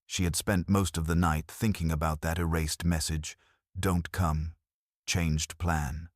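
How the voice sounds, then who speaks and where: Deep, dry male audiobook narrator. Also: dry recording. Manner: calm, measured reading.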